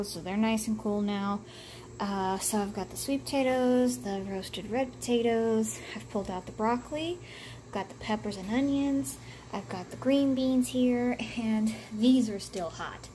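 Chatty lady doing a meal prep vlog at home, kinda high voice, lots of ums, noisy kitchen behind her. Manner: chatty, rambling, with frequent fillers. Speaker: vlogger. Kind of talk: casual cooking vlog.

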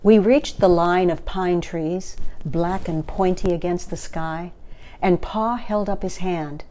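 A woman in her sixties reading a children's story aloud with gentle, measured, deliberate phrasing, recorded indoors at about arm's length. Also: fairly low pitch. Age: 60s. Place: small furnished living room, indoors.

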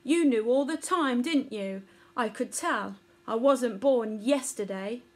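A woman's voice: on the high side, lively intonation, slow pace, full character voice. A woman voicing a touchy, huffy male giant millipede in a storybook reading. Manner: huffy and indignant.

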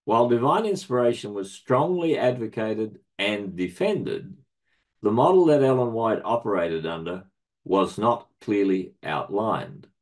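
A middle-aged man reading a prepared academic paper aloud in a measured, formal way, marking each citation with quote and end quote. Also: lowish voice, animated. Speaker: research centre director presenting a paper.

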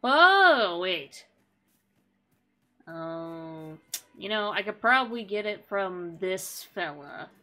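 Bright-voiced chatty woman streamer. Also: medium pitch, big pitch swings, takes it slowly, pauses often, faint music behind. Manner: chatty, sarcastic, jokey asides. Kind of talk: casual gameplay chat.

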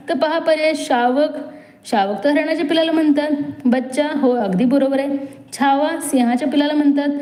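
A woman teaching a lesson, asking questions and answering them herself, reading word lists slowly. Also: sits high, dark tone, echoey room. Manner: reads word lists slowly, drawing out each word. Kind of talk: classroom lesson.

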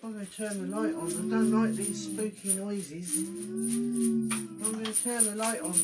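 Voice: medium pitch, fairly even intonation, measured pace, loud music behind the voice, close to an everyday voice. An amateur actor playing a grumpy, miserly, dismissive old man in a hammy pantomime. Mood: uneasy. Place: cluttered indoor room, filmed from a distance. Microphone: far camera. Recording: noisy room, distant camera microphone.

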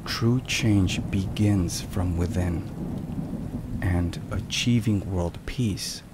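This is solemn, scripted ASMR storytelling from a low-voiced man who takes his time and weighs every word. Heavy background noise accompanies the clearly heard sounds of a thunderstorm and rain.

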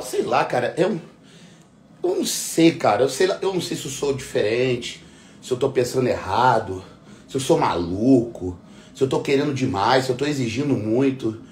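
A middle-aged bodybuilding competitor, ranting in casual, heavily profane talk and repeating himself for emphasis. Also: male voice, mid-range voice, slight background noise. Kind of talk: casual conversational rant. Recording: echoey room.

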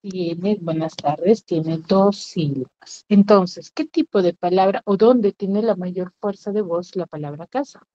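A woman's voice: lowish voice, measured pace, few pauses, warm tone, no echo. A woman teaching an online class, patiently repeating her questions to the students. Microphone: video call. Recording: dull lo-fi, dry.

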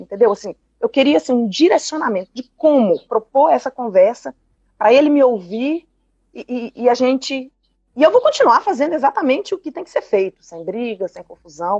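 Woman, caller, husky, dry muffled sound, talkative, retells conversations. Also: on the high side, darkish tone, dry recording. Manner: talkative, recounts dialogue, laughs often. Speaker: caller asking for advice. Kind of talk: personal account in a live Q&A.

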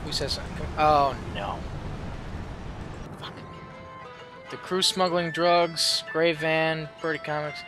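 A man giving casual, sarcastic gameplay commentary with plenty of swearing. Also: on the high side. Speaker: gamer.

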